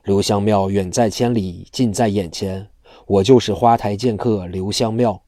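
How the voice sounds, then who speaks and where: A man voicing an arrogant young bandit swordsman in a storybook reading, mocking and boastful, with a low, dark, dry voice. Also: steady tone, normal speed, dry recording, close to an everyday voice. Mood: cold, boastful.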